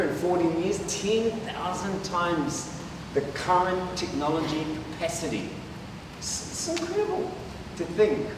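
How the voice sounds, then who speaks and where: A man with a New Zealand accent and a slightly high voice gives a conference presentation, chatty and conversational, dropping "right?" as a rhetorical tag throughout his points. He's captured from far off in an echoey hall, with background noise present.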